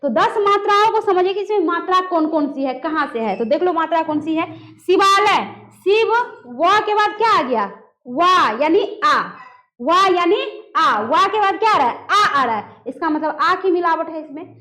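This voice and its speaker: A woman's voice: very high-pitched, animated, normal speed, sharp tone. A woman teaching a grammar lesson, asking questions and answering them herself. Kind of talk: classroom lesson at a board.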